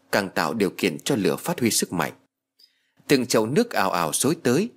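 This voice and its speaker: A man reading a horror story aloud in an expressive narrating style. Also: fairly low pitch, husky. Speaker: story reader.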